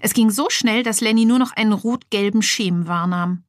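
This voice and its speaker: A woman's voice: medium pitch, moderate pace, no room sound, studio quality. Woman reading a children's story. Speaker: narrator. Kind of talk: audiobook narration.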